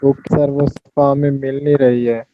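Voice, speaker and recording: A man's voice: medium pitch, flat delivery, moderate pace, crowd noise. Man on a choppy, breaking-up call. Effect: choppy, breaking-up call audio. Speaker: student. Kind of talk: online class question. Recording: dull, distant call audio.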